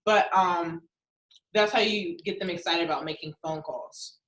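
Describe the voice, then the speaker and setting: A woman's voice: lowish voice, unhurried, fairly bright tone. Chatty woman in an echoey room. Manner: chatty, with frequent likes and laughs. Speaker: sales team member in a training. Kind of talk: casual group discussion. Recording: echoey room, faint noise.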